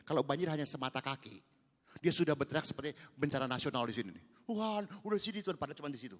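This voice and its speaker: A middle-aged male pastor preaching a sermon, animated, moving from hushed asides to loud exhortation. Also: high voice. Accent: Indonesian. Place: large church hall. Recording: long church reverb.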